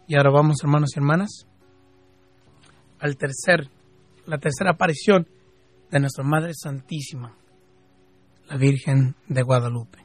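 Fervent Mexican man, husky voice. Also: a little high, fairly even intonation, no echo, soft background music. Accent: Mexican Spanish, from Jalisco. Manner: fervent, rising to emphatic questions, then slow and drawn out. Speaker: radio host.

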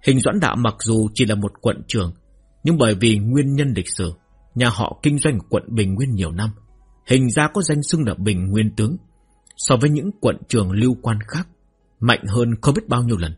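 A man's voice: medium pitch, lively intonation, moderate pace, darkish tone, slightly rough, soft background music. A man doing a stern old marquis grandfather. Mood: probing.

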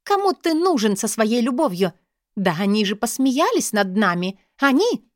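A woman voicing a hysterical young noblewoman who sneers and shouts. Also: big pitch swings, normal speed, no echo, clean studio sound. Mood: shrieking. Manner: sneering, shrill outbursts.

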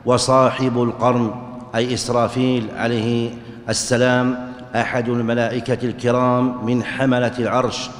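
A man's voice: medium pitch, level tone, moderate pace. Man teaching in an echoey hall. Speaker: religious teacher. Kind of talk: explaining hadith in a lecture. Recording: echoey hall with long reverb.

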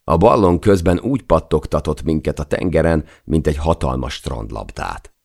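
Man reading an audiobook, super deep voice, gravelly, steady and measured. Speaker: audiobook narrator. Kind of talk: scripted audiobook narration.

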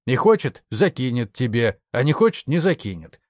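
A man's voice: mid-range voice, sing-song, a little mellow, no room sound, clean studio sound, close to an everyday voice. A man voicing a scheming, persuasive man who bargains and tempts a rival. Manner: persuasive, slow, wheedling. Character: scheming, wheedling middle-aged man.

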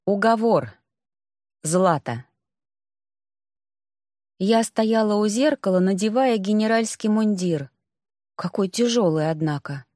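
A woman narrating a first-person fantasy audiobook in a lively, expressive manner. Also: mid-range voice, takes it slowly, pauses often, no room sound, clean studio sound.

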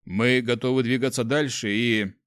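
A man's voice: mid-range voice, steady tone, normal speed, fairly bright tone, smooth, dry recording, clean studio sound, lightly acted. A man voicing a middle-aged male mercenary leader in an audiobook, matter-of-fact and smirking. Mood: wry. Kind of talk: audiobook character voice.

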